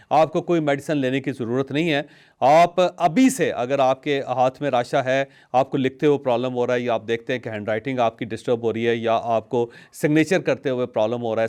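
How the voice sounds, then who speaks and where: A man hosts a talk show, telling stories and explaining health in a measured way with small hesitations. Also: medium pitch, darkish tone. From Pakistan. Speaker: host.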